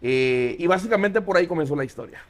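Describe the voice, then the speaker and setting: A man speaks as a pastor being interviewed, his voice sitting a little high for a man. He tells his story reflectively, pausing often and filling gaps with soft hesitations. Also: expressive. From Honduras. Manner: reflective storytelling, many pauses and "eh" fillers. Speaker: pastor, guest. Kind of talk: casual interview.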